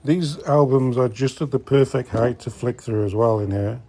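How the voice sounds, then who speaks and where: At a normal speed and in a mellow, mid-range voice, a middle-aged man chats casually with his viewers. He's the host of a vintage collecting vlog, browsing inside a secondhand shop and occasionally muttering to himself.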